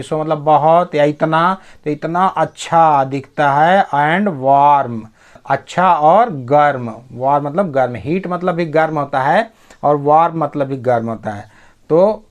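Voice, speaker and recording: Slow-paced Indian English teacher. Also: male voice, a little high. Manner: slow, deliberate reading of English phrases, then quick glosses of meanings. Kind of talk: Hindi explanation of an English story, read line by line.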